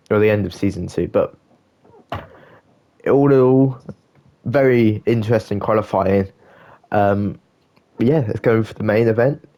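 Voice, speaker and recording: A man's voice: fairly low pitch, gravelly, dark tone. A man commentating over his own racing gameplay, chatty and rambling with fillers. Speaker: gaming channel host.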